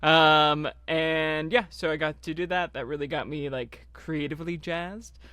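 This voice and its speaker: A young man co-hosts a casual podcast and tells rambling stories with frequent laughter. His voice is slightly high and very bright, recorded dry and close. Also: steady tone, a little slow, smooth, no room sound. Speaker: podcast co-host.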